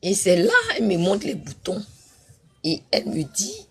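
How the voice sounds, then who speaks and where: A woman's voice: fairly low pitch, very animated, normal speed, darkish tone, slightly rough. A woman preaching her testimony on a live stream, fervent and repetitive, breaking into sudden cries. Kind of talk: impassioned spoken testimony.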